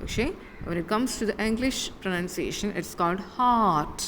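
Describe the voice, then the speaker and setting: A woman's voice: medium pitch, animated, extremely slow, a bit bright. A woman with a Malayali accent teaching a phonetics lesson, repeating and drawing out sample words and answering her own questions. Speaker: English teacher. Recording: long reverb, faint room noise.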